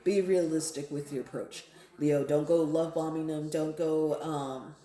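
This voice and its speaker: A tarot card reader with a low, warm, steady voice talks a little slowly, and the recording is reverberant. She gives an informal, improvised reading directly to viewers, repeating phrases and checking in frequently with "right?" and "okay?".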